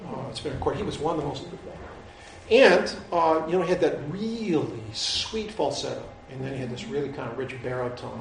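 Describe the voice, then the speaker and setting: A man gives a rambling, digressive lecture, musing aloud and often restarting his sentences. His mid-range voice is creaky, with a little hiss or hum. He is heard from far off in a very echoey hall.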